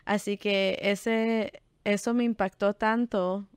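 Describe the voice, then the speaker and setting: A woman's voice: medium pitch, steady tone, slow pace, smooth, no echo. A young Texan woman telling her story as an interview guest, often dropping English fillers like "so" into her Spanish. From Texas, United States. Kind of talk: casual interview conversation.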